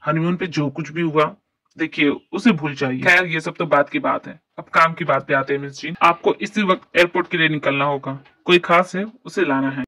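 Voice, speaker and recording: A woman's voice: sits low, fairly even intonation, normal speed, pushed and bright. A woman voicing a stern, cold young male company boss in a fan dub drama, curt and commanding.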